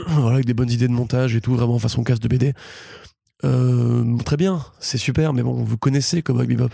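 A man co-hosting a casual pop-culture podcast, talking rapidly and joking while he runs through series news. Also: mid-range voice, steady tone, creaky, dark tone, no echo, clean studio sound. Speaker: podcast co-host.

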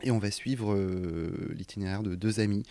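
A man's voice: lowish voice, normal speed, warm tone, dry recording. A man bookseller recommending a novel in a chatty, hesitant, self-mocking way. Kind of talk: casual book recommendation.

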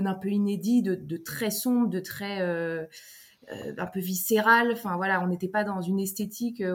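A woman, a book editor, speaking as a guest in a podcast interview and pausing often to search for words. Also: fairly low pitch. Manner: hesitant, full of fillers and restarts.

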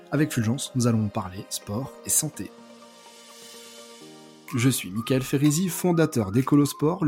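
Male podcast host, mid-pitched voice, clear read-aloud delivery, faint music behind. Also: mellow. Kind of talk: scripted podcast intro and interviewing.

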